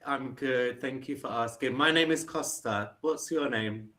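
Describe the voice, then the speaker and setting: A London-accented man from England tutors English online, chatting casually over a video call from his home in the UK. Friendly and encouraging, he asks many questions in a bright, forceful, medium-pitched voice at a measured pace.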